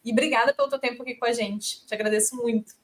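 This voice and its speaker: Podcast host: a woman who talks fast and friendly. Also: a little high, fairly even intonation. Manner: warm thanks, fillers, friendly. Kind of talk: podcast interview.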